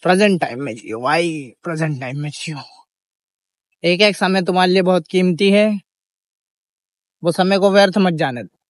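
A young man vlogs his walking pilgrimage, narrating casually in a chatty, jokey, upbeat way and offering religious greetings. His voice sits high, with a moderate pace and long pauses, in a dry recording.

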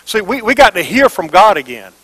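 High-voiced preacher calling for amens. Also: male voice, very animated, fairly quick, a bit bright, breathy edge, rough recording. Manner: call-and-response, asks the congregation for amens; emphatic repetition and rhetorical questions. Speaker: pastor. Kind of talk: sermon. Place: church before a congregation.

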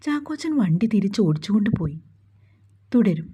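A woman narrating a romance novel in a calm, even storytelling manner, on a dull lo-fi recording. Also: mid-range voice, fairly quick, breathy edge. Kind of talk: novel reading.

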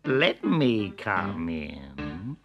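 A man voicing the hungry big bad wolf in a storybook reading, stretching every word slowly and menacingly. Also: low voice, sing-song, muffled recording, voice pushed down, heavily acted. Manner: slow, drawn-out, menacing delivery. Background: background music.

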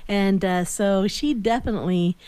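American woman, middle-aged talk radio host. Earnest, explanatory delivery, medium pitch, close and dry studio sound. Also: moderate pace, dark tone, clean tone, dry recording. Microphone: studio boom microphone with headphones.

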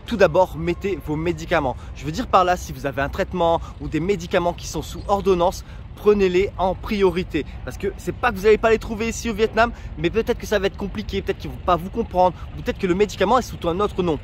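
A man's voice: sits high, fast talker, a little hiss or hum. Chatty man giving travel tips. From France. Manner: chatty, joking, direct advice to viewers. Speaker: travel vlogger. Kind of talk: casual travel tips vlog.

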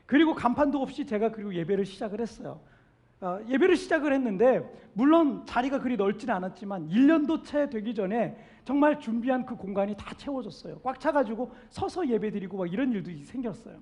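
A male pastor from South Korea giving a Sunday sermon in a church sanctuary. He preaches emphatically, swelling louder on questions and pleas and then dropping soft. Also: extremely high pitch, lively intonation, a little fast. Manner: acts out what doubters say. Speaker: senior pastor.

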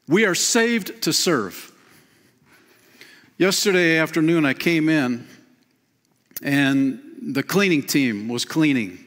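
A man in his fifties preaching a sermon from a lectern in a church, lively and emphatic, often calling listeners "man" and "friend". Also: a little high, slow pace, long pauses. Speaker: pastor. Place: church stage behind a clear lectern. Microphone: lectern mic. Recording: long church hall reverb.

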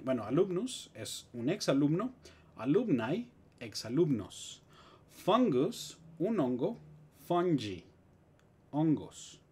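A man with a Mexican Spanish accent, teaching English grammar in a live stream with lively explanations and joking asides. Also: mid-range voice, breathy edge.

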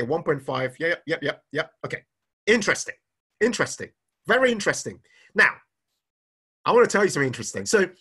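A high, bright male voice with a husky edge. He speaks with the energy of a live teacher, repeats his questions and reads comments aloud to his viewers. His pitch swings widely as he pushes them to think. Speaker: finance speaker. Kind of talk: live-streamed teaching talk.

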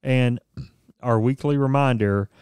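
Relaxed man with a mellow studio voice. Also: medium pitch, a little slow, clear, resonant tone, no echo. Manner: conversational, reads statistics with frequent fillers. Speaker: podcast co-host. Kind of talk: casual radio-style news chat. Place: small studio office with bookshelves. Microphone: studio mic on boom arm, headphones.

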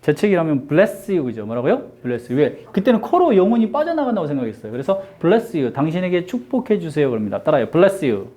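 Animated Korean English teacher. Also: medium pitch, fairly quick, few pauses. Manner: animated, jokey, drills repeat-after-me phrases. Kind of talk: classroom lecture.

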